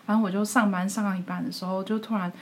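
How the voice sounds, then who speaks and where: A woman, co-hosting a podcast and telling work stories in a lively way, acting out the quoted dialogue. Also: mid-range voice, fast. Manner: lively, acts out quoted dialogue, laughs often. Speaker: podcast co-host, nurse. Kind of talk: casual storytelling chat.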